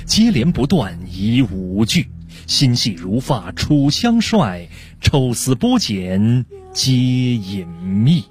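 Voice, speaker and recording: A man reciting a short dramatic verse as a promo, measured and dramatic. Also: mid-range voice, very animated, a little mellow. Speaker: promo announcer. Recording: faint music behind.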